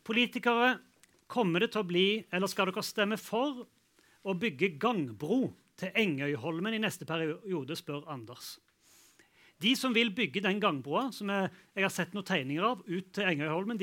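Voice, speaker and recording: A man moderates a live panel debate with a high, ringing voice. He is brisk and jokey as he reads out audience questions. His tone is bright and lively.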